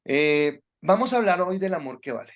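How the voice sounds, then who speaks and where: A man's voice: high-pitched, expressive, normal speed. A man teaching a class on preaching, giving direct instructions to the students with frequent hesitations. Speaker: preaching instructor at a Bible school. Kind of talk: classroom lecture on sermon delivery.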